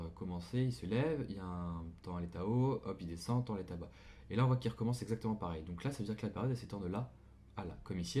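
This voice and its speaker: A man's voice: on the low side, dark tone, slight background noise. A man giving a casual electronics tutorial, talking in a slangy, informal way with jokey asides while he handles his gear. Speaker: tutorial presenter.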